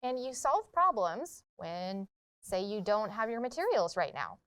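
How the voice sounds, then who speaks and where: A woman teaching kindergartners in an online classroom lesson, a little tired but calm, patiently explaining classroom rules with affirming murmurs. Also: medium pitch, measured pace.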